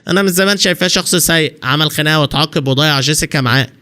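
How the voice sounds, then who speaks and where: Sneering spiteful schoolgirl played by a man, Egyptian accent, fast. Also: on the high side, bright, forceful tone, clean tone. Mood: scornful. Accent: Egyptian Arabic. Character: spiteful scornful teenage girl.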